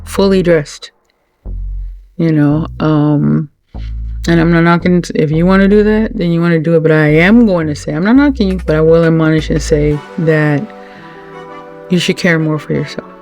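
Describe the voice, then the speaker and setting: Gravelly-voiced woman giving earnest thanks. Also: low-pitched, steady tone, darkish tone, soft background music. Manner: earnest and religious, halting with many fillers and restarts. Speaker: channel host, wife of the late channel owner. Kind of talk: heartfelt thank-you talk to supporters.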